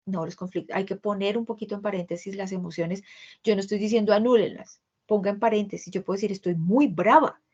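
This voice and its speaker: Colombian woman teaching over a video call. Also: mid-range voice. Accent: Colombian Spanish. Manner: explanatory, checks in with frequent "¿sí?". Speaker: workplace trainer. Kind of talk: online training lecture. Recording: dull lo-fi video call audio.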